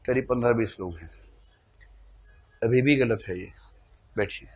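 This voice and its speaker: A man's voice: medium pitch, measured pace. Playful male teacher quizzing a class. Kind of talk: classroom lecture. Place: classroom with students.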